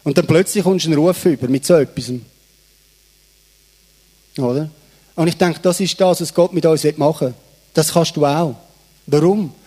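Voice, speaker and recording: A man preaching a sermon in earnest storytelling, letting phrases sink quietly at their ends. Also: fairly high pitch, normal speed, long pauses.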